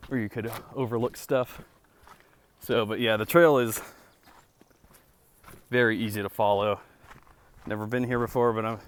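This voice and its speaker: A man's voice: mid-range voice, a little hiss or hum. A man talking in a casual, rambling vlog style, informal and reflective, thinking aloud outdoors on a hiking trail. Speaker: vlogger and boot reviewer.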